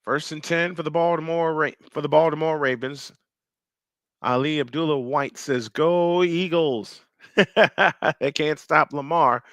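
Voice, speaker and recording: A man in his fifties calling a football game live play-by-play, slightly hoarse, reading viewer chat between plays and getting excited on big runs. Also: a little high, unhurried, dry recording, clean studio sound. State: slightly hoarse, clearing throat. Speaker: play-by-play announcer.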